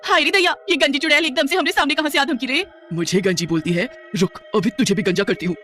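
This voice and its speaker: A woman voicing a loud, frightened village wife in a cartoon who wails and pleads shrilly. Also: fairly low pitch, steady tone, a little fast, soft background music, lightly acted. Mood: panicked pleading.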